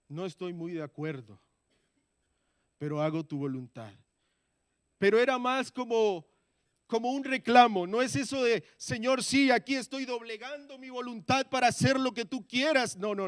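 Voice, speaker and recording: Guy preaching his testimony in church, high voice, dry close sound, goes from hushed to shouting. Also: clean tone, no echo. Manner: swings from hushed prayer to shouted, impassioned pleas. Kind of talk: sermon testimony.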